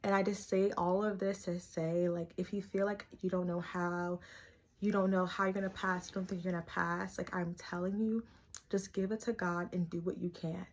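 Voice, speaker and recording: A woman's voice: fairly low pitch, flat delivery, normal speed. A young woman talking casually and earnestly to camera, sharing a heartfelt faith testimony in a chatty way full of "like" fillers. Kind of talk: casual confessional talk to camera.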